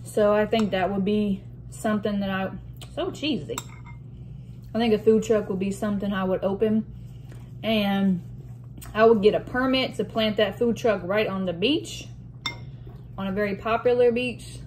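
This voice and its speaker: A woman's voice: mid-range voice, steady tone, a little mellow. Woman chatting casually over soup, noisy clatter. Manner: eating soup while talking, with pauses and throat clearing. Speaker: vlog host reading out questions. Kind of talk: casual mukbang chat. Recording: noticeable room noise with dish and cutlery clatter. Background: clinking cutlery and dishes.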